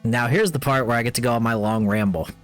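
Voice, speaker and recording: A man's voice: medium pitch, quick pace. Man casually streaming a video game, music behind. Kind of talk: casual video game commentary with in-game notes read aloud.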